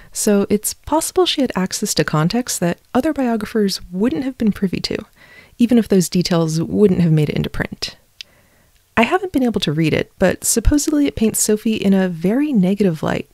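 A woman host narrating history from a script, with wry, conversational asides on a low-budget home mic. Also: darkish tone, no echo, studio quality.

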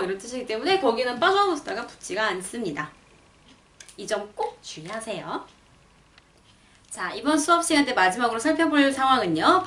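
A young woman explains a language lesson with a high, lively voice. She reads example sentences slowly and clearly. The sound is roomy and set back from the mic. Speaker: language teacher. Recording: roomy, a bit far from the mic.

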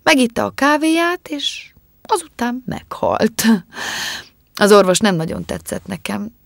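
A woman voicing a young woman who confesses in a quiet, controlled way and turns commanding, in an audiobook. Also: medium pitch, sing-song, vocal fry, no room sound, voice pushed up. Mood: cool confession. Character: young woman calmly confessing, icy and composed.

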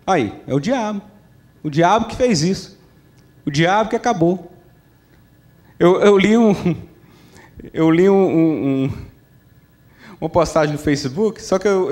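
A preacher with a high voice delivers a sermon at a church service. He speaks emphatically and repeats key phrases, often asking the congregation whether they are following him. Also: a little mellow.

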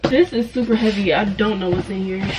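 A woman's voice: mid-range voice, brisk, very noisy. A woman, chatting casually to viewers in a vlog from her college apartment bedroom. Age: 20s. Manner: chatty, addresses viewers as y'all. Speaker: vlogger.

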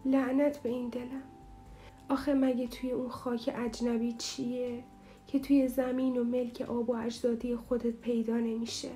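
A tearful, clinging mother in an audio novel speaks through a muffled, choked throat, as a woman narrator puts her on. Her pleading is soft and dark, held to a narrow, even line of pitch, with faint music underneath. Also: lightly acted. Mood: grieving, pleading. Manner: pleading, sorrowful. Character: grieving middle-aged mother, tearful and clinging.

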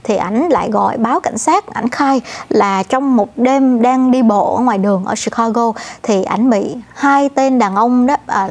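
In a fairly high voice, a female co-anchor reads the news in a relaxed, conversational manner. She pauses often on "à" fillers and speaks straight to the audience with "thưa quý vị".

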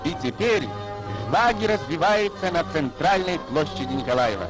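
A man's voice: a little high, animated, moderate pace, over loud music, low-quality recording. A man reading scripted wartime narration for a 1940s newsreel in a solemn, declamatory announcer delivery. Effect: 1940s newsreel voice-over. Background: orchestral score.

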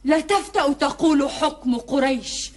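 A woman acts a stern matriarch of a desert tribe in a historical TV epic. Her voice is high and charged with reproach. She declaims in formal, indignant phrases. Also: normal speed, a little mellow, close to an everyday voice. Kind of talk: historical epic TV drama acting in formal Classical Arabic.

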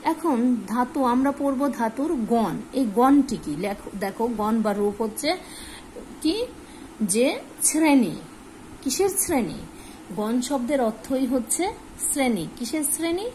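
Patient female teacher explaining grammar, quizzing and answering herself, a little high-pitched, faint background hiss. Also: unhurried, pauses often, darkish tone, rough recording. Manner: patient, asks and answers her own questions. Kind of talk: classroom grammar lesson.

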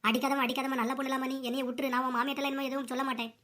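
A woman's voice: high-pitched, little pitch movement, very fast, background noise, natural voice. A woman putting on a whiny old mother-in-law. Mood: pleading. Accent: Kanyakumari Tamil. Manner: complaining, whiny. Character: older mother-in-law, beaten and whining.

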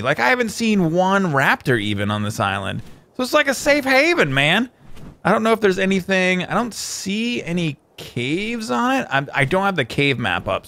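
A chatty man talking over his gameplay in a loose, rambling way, often stopping to correct himself. His voice sits somewhat high for a man and swings widely in pitch. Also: gravelly, fairly bright tone. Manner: rambling, chatty, frequent fillers and self-corrections. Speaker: gameplay video host. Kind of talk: casual gameplay commentary.

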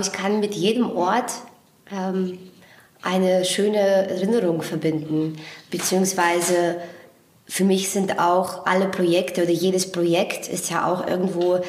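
A woman author and theatre director speaks as an interview guest in a fairly low voice. She answers in a thoughtful, hesitant way with many fillers, and the studio sound is roomy. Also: darkish tone.

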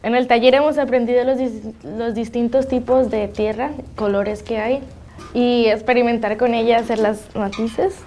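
A woman's voice: a little high, steady tone, normal speed, dark tone, slight background noise. A young woman taking part in a workshop, describing what she learned in a simple, earnest way. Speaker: workshop participant. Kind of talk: documentary interview.

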